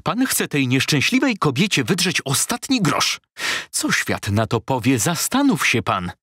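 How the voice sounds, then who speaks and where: A man voicing a shabby, fawning lawyer who haggles slyly, with a husky, wheedling, sugary delivery. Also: mid-range voice, wildly swooping pitch, unhurried, pushed and bright, dry recording, studio quality, voice pushed up, exaggerated voice. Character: shabby fawning male lawyer, middle-aged, sly haggler.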